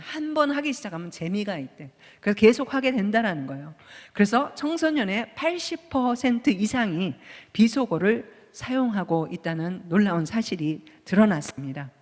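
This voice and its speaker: A Korean woman pastor in her fifties giving a conversational sermon, asking the congregation rhetorical questions. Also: fairly high pitch. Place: church sanctuary. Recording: long church hall reverb.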